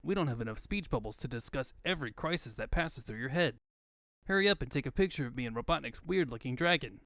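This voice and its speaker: A man's voice: medium pitch, lively intonation, fast talker, a bit bright, no echo, studio quality, pitched below the performer's own voice. A man voicing a cocky, easygoing young hedgehog hero in a comic book fandub.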